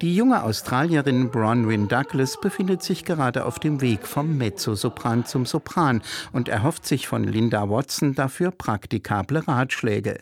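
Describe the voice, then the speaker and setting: A man reads a scripted radio report. His delivery is measured and even. His pitch sits mid-range. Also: no echo. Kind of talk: scripted narration.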